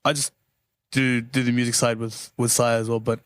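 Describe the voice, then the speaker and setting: A man's voice: mid-range voice, level tone, moderate pace, no room sound. A man with a New Zealand accent chatting casually as a guest, laid-back, often tagging his phrases with checking fillers. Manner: laid-back, often adds "you know". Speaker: interview guest, musician. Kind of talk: casual chat.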